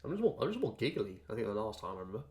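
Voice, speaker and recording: A man talks casually, joking and swearing. His voice sits fairly low. He explains his points with eager detail. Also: big pitch swings, racing, darkish tone. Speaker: podcast co-host. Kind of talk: casual chat.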